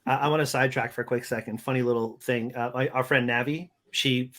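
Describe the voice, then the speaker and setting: A man's voice: medium pitch, steady tone, fast talker, fairly bright tone. A man co-hosting a podcast in casual chat, joking at his own expense in a hesitant, rambling way. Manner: jokey, self-deprecating, hesitant rambling. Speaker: podcast co-host.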